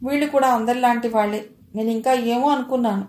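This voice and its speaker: A woman reading aloud and voicing a suspicious, sharp-tongued older mother-in-law who scolds and accuses, with a slightly high voice in a roomy space. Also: fast talker, close to an everyday voice. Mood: indignant. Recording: roomy echo.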